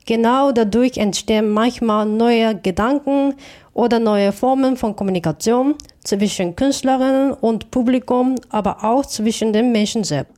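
A woman's voice: a little high, moderate pace, warm tone. A woman from Japan, a Japanese native speaker, answering interview questions about her art in a careful, thoughtful way with small restarts. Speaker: artist.

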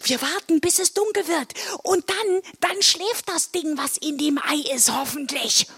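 A woman voicing an eager ten-year-old girl in a children's story, with a raised, excited delivery. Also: sits high, unhurried, voice pushed up. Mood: scheming.

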